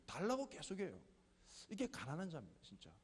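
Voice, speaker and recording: A man's voice: on the high side, wildly swooping pitch, a little fast, breathy edge. A man in his thirties preaching a sermon to a church youth group, speaking conversationally, posing questions and telling stories about his own family. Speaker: pastor. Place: church hall. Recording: long hall reverb.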